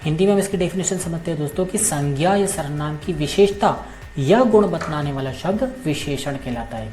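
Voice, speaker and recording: A man's voice: fairly high pitch, darkish tone, a little hiss or hum. A man teaching an English grammar lesson, explaining patiently, repeating key points and checking in with his students often.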